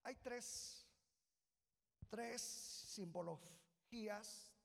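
A man preaching a sermon, who keeps calling the congregation "brother" and swings from loud shouts to low asides. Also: drawn-out words, gravelly. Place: church hall. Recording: long reverb of a church hall.

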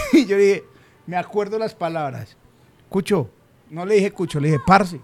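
A man's voice: high-pitched, sing-song, normal speed, mellow. A young Colombian man from the Medellín area, co-hosting a podcast and telling a funny anecdote with slang and sound effects. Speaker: podcast co-host. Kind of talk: casual storytelling chat.

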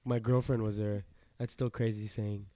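A man's voice: fairly low pitch, level tone, moderate pace, warm tone, no echo, clean studio sound. A young man co-hosting a podcast in casual chat, joking, trailing off and restarting, sick with a cough. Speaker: podcast co-host.

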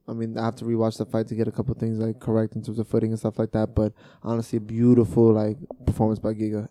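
A man's voice: medium pitch, warm tone, dry recording. A young man co-hosting a podcast, talking in a loose, joking, trash-talking way. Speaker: podcast co-host. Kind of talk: casual chat.

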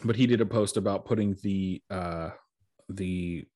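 Low-voiced casual male podcast host. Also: measured pace, mellow. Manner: rambling, filler-heavy, tired and yawning.

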